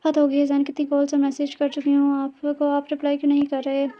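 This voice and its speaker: A woman's voice: sits high, monotone, fast, slight background noise, close to an everyday voice. A woman voicing a persistent female doctor friend who presses with question after question. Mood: pressing. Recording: dull lo-fi recording.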